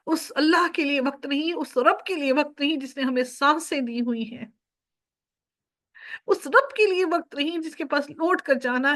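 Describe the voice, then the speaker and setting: A woman's voice: high voice, fairly bright tone. A woman giving a Quran commentary lecture, earnest and pleading, full of rhetorical questions. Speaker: Quran teacher.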